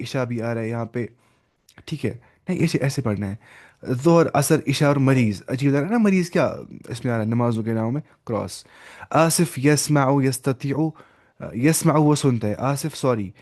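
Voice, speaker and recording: A man's voice: medium pitch, darkish tone, no room sound. Patient male Arabic teacher, dry sound. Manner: explains slowly, switching between Urdu, Arabic and English, often repeating words. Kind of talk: online class teaching.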